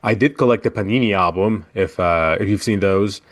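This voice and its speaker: A man from El Salvador with a notably low voice, speaking as a podcast guest. He tells his story in a measured, unhurried way. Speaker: guest author. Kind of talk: podcast interview answers.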